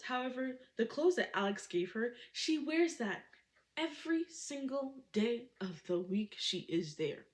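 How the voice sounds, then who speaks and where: A woman recaps a thriller in a lively, dramatic way and keeps asking rhetorical questions. Her voice sits on the high side and swoops all over as she talks. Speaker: book recap creator. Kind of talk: casual book recap.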